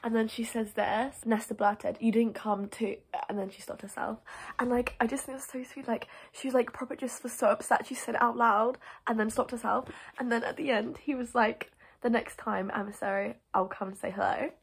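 A woman's voice: fairly high pitch, steady tone, fairly quick, husky. A young woman chatting casually about books in a reading vlog, gushing and filling her talk with "like". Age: young adult. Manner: chatty, gushing, heavy use of "like". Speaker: book vlogger.

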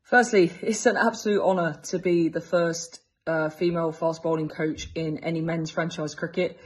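Speaking through earbuds from a small room indoors, this English cricket coach in her thirties specializes in fast bowling. Her husky, deep voice holds a steady tone at a normal speed as she eagerly fields interview questions on a video call, full of fillers and false starts.

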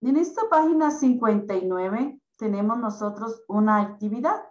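A woman teaching young children in an online class, explaining slowly and patiently. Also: fairly high pitch, expressive, a little mellow, roomy sound, low-quality recording. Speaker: primary school teacher.

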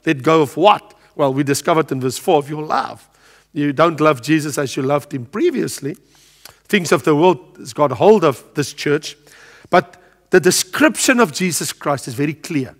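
A man in his sixties teaching a Bible study from behind a lectern, animated and gesturing, with frequent ums and uhs. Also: on the high side, normal speed, in a large hall. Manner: animated, gestures broadly at a pulpit, frequent filler sounds. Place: studio with a world map backdrop, standing at a lectern.

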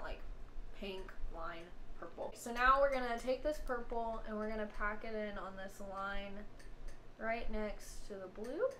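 A young woman chatting casually as she talks through a makeup tutorial step by step, giggly and relaxed. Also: mid-range voice. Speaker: makeup vlogger. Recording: echoey room with clear background noise.

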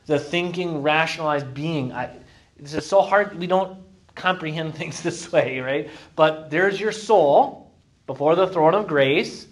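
A man with a fairly high voice leads a church Bible class. He reads scripture slowly and with weight, then breaks off to explain it in a lively, conversational way, firing rhetorical questions at his listeners. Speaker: pastor teaching a Bible class.

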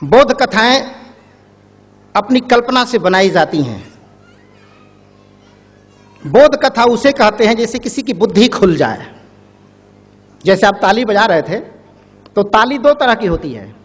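Male public speaker, high-pitched, storytelling, addresses the crowd directly, reverberant hall. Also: very animated, unhurried, pauses often. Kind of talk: motivational speech with a parable. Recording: echoey hall.

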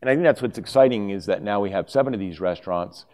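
Low-voiced man presenting at a conference. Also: quick pace, darkish tone. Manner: conversational, with many fillers and restarts. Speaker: conference speaker. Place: conference hall stage, at a lectern. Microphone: lapel mic.

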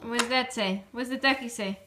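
A woman's voice: on the high side, quick pace, background noise. A mother chatting with her toddler at bath time, asking simple repeated questions in a coaxing way. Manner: coaxing, asks simple repeated questions, sings nursery rhymes. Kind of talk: casual home video chat with a toddler. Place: home bathroom at bath time.

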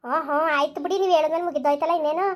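A woman's voice: sits high, steady tone, very fast, close to an everyday voice. Woman playing a sulky young village wife.

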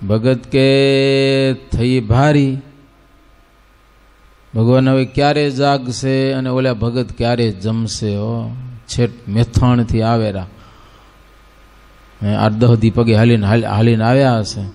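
Folksy storyteller monk. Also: male voice, medium pitch, takes it slowly, pauses often. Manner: folksy, animated storytelling, breaks into sung verse. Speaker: religious storyteller. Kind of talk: devotional story sermon.

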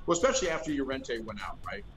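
A man's voice: mid-range voice, very animated, racing, rough recording. A middle-aged man giving casual football analysis over a video call from a room at home, thoughtful and hedging with lots of fillers. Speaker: co-host analyst. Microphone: video call webcam.

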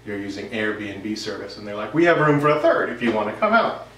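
A man in his thirties gives a rambling, casual update to camera for his woodworking vlog, speaking a little fast in a lowish, sing-song voice that's a bit bright and has vocal fry. The sound comes from a noisy home workshop, distant and roomy.

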